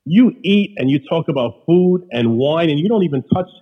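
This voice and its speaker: A man with a strong-minded, repetitive way of chatting in a Queens accent. His voice sits a bit high and is slightly husky. He speaks casually, circling back to restate his points, and the audio is a little dull. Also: lively intonation, moderate pace. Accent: Queens, New York. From Queens, New York. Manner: emphatic, repeats himself, peppers talk with "you know". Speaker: podcast guest, restaurateur. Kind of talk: casual conversation.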